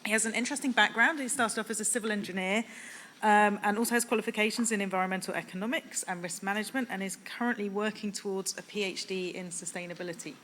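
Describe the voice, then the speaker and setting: A woman's voice: medium pitch, fairly even intonation, fast talker, fairly bright tone. Lady introducing the next speaker at a conference, formal, a bit of faint hiss behind. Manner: formal, reading a bio. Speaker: session chair.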